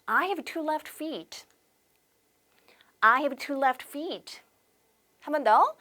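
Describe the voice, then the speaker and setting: A woman teaching English on television. She explains in Korean, asks rhetorical questions and drills example sentences slowly. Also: high-pitched. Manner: lively instructor patter with rhetorical questions.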